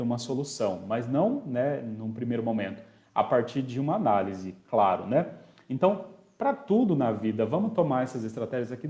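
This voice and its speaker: A man teaching an online parenting course in a warm, mellow voice. He talks conversationally, reads viewers' comments aloud and replies, and keeps checking in with his audience. The sound is roomy, with a clear echo off the walls. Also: mid-range voice. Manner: checks in often with tag questions. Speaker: special education teacher. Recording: echoey room.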